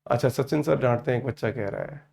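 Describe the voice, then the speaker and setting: A man's voice: medium pitch, fast talker, gravelly, darkish tone. A man in his fifties, a teacher chatting and teasing with students in an online class, often calling them "beta". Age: 50s.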